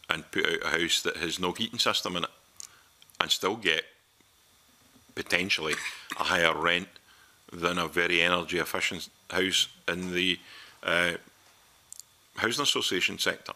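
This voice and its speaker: A man's voice: low voice, steady tone, normal speed, pauses often, pushed and bright. A middle-aged man with a Scottish accent giving earnest, persuasive evidence to a parliamentary committee from a desk microphone in a large committee room. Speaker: committee witness.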